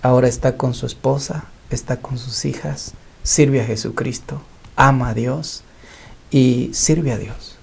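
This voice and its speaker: A pastor tells earnest stories in a Bible study panel discussion. His voice is dark and mellow, with a gravelly edge of vocal fry. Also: medium pitch, steady tone, a little slow. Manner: storytelling, earnest testimony.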